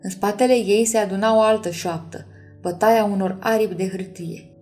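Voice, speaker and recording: Woman, audiobook narrator, expressive, measured, faint background music. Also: medium pitch. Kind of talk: audiobook reading.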